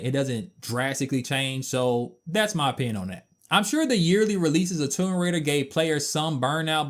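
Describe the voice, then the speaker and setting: A man in his twenties giving a casual, opinionated game review with blunt, emphatic asides. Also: mid-range voice. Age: 20s.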